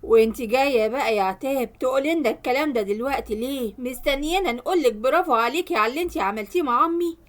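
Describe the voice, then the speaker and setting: A woman voicing a quiet young husband who sounds wounded and disbelieving. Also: high-pitched, very fast, few pauses, natural voice. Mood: hurt. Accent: Egyptian Arabic.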